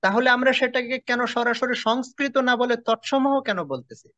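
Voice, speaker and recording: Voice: mid-range voice, steady tone, brisk, a bit bright, no room sound, muffled recording. A student asking the teacher a puzzled question during an online class.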